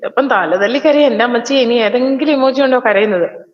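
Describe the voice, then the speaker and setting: A woman hosting a casual livestream, chatting and teasing as she reads viewer comments. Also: a little high. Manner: chatty and teasing, quick bursts of speech. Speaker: singer and livestream host. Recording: echoey, reverberant room, slightly dull sound.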